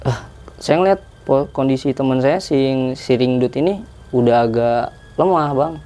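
A man's voice: mid-range voice, normal speed, warm tone. A young man casually telling a story as a podcast guest, rambling along and tagging his sentences with fillers. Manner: chatty, rambling, with many filler tags.

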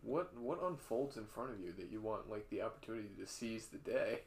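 A man's voice: fairly low pitch, animated, a little fast. A young man co-hosting a podcast, chatting casually and teasing his friend. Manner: teasing, joking banter. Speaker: podcast co-host. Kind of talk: casual chat.

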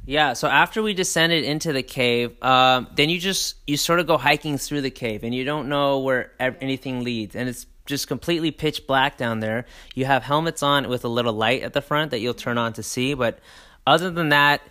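A man's voice: mid-range voice, normal speed, bright, forceful tone, smooth. A man chatting casually and enthusiastically about a trip, rambling with fillers and restarts. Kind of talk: casual travel chat.

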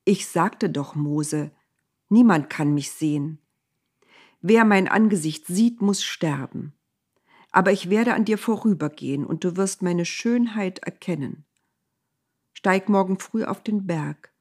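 Woman reading stern divine voice, calm and unmoved, husky, slow, low-ish, storybook. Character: God, stern weary divine voice from a cloud.

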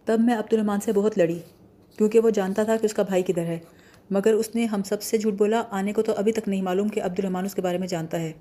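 A woman's voice: medium pitch, fairly even intonation, mellow, natural voice. A woman voicing an earnest young woman, an older sister, who speaks plainly. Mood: troubled.

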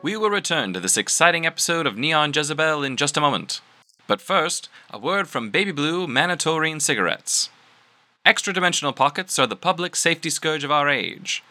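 A man playing a cheery radio announcer who reads a cigarette advertisement in an old-time radio style with a smooth sales pitch. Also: very animated, brisk, bright, forceful tone, heavily acted.

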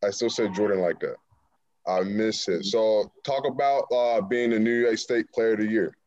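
Slangy young host, casual. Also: male voice, lowish voice, moderate pace, darkish tone, dull audio. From New Jersey. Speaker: show host, former player. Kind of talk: casual interview chat.

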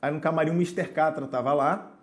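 A man's voice: a little high, fairly even intonation, brisk. A man, a pastor, telling his conversion story on a podcast in an earnest, preacherly way. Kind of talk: podcast testimony.

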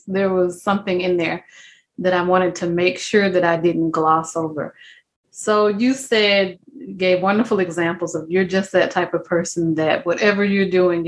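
A woman with a lowish voice hosts a conversational interview, reflecting and smiling as she speaks. There is slight background noise.

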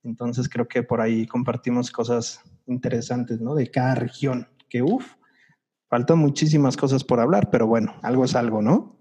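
A man with a Mexican accent hosting a casual podcast chat, playful and animated. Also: mid-range voice, normal speed. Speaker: podcast host.

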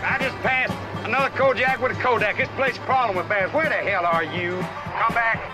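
A brash trucker barks fast and high over a crackling CB radio. Loud music plays beneath him. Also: male voice. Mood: urging. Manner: fast, pushy, uses trucker radio talk. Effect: voice heard over a CB radio.

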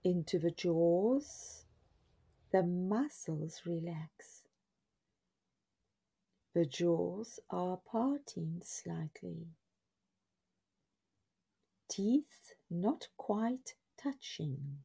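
Very slow, dark, hushed woman guiding relaxation. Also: on the low side, lively intonation, gravelly, breathy edge. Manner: soothing, hushed, drawn-out phrases with pauses. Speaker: guided relaxation narrator. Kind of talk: scripted guided body scan meditation in a soft, breathy half-whisper.

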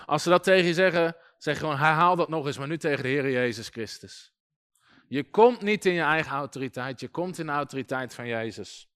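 A man giving an informal sermon on deliverance. He talks in a lively, humorous way, full of anecdotes and chuckles. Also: fairly high pitch, smooth. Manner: lively and humorous, often chuckling and using fillers like "weet je". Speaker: preacher teaching on deliverance.

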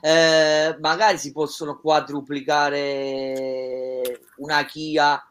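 Slow, higher-voiced man hosting casually. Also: flat delivery, fairly bright tone. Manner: halting, jokey. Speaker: host and interviewer. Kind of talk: casual live chat show.

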